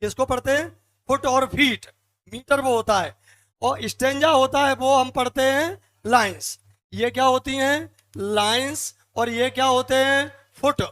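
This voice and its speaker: धीमा, सवाल पूछता हिंदी शिक्षक. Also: male voice, extremely high pitch, measured pace, fairly bright tone. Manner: asks the class questions and answers them himself, counts out feet one by one. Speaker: English literature teacher. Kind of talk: classroom lecture.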